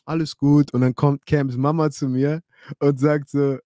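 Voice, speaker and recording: A man's voice: medium pitch, level tone, unhurried, warm tone, no echo, clean studio sound. A man in his thirties, a livestream host, casually telling personal stories to his chat, acting out quoted dialogue and laughing often. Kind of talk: casual storytelling to a live chat.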